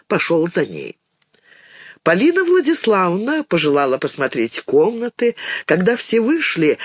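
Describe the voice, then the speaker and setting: Expressive storybook narrator, animated pitch, dry booth recording. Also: dry recording. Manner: lively, expressive reading. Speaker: audiobook reader.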